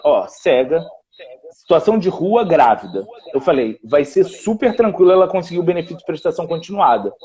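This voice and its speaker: Animated Brazilian man, muffled call audio. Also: fairly high pitch. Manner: animated, quoting others in dialogue. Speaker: public defender. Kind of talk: storytelling in a live panel talk.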